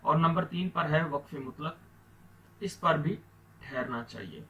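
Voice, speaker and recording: A man's voice: fairly high pitch, measured pace, sharp tone, highs cut off, a little hiss or hum. A man with an Urdu accent teaching Quran reading, explaining patiently and repeating points for emphasis. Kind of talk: explaining lesson.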